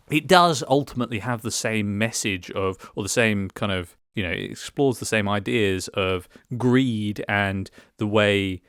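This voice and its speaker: A tipsy man giving a casual solo film review, rambling and halting as he stumbles over his words after drinking wine. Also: mid-range voice, fairly bright tone, smooth, no room sound, clean studio sound.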